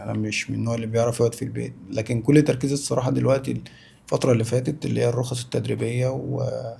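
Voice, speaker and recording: Man, Egyptian accent, natural unscripted interview talk, dark mellow tone, raspy, insistent. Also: medium pitch. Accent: Egyptian Arabic. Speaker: interview guest, former professional footballer.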